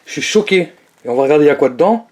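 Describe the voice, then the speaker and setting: A young man talks straight to his viewers as he reviews fast food. His voice sits a little on the high side, and he keeps it loose and slangy, joking with the camera as he goes. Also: animated, a little mellow. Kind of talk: casual food review vlog.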